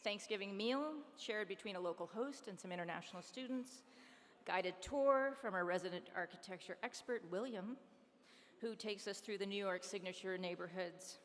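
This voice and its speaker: A woman hosting a fundraising dinner, briskly calling auction bids and coaxing donations in an upbeat, persuasive way. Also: medium pitch. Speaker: charity auctioneer and fundraiser host. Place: large hall at an awards dinner. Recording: long reverb hall, faint room noise.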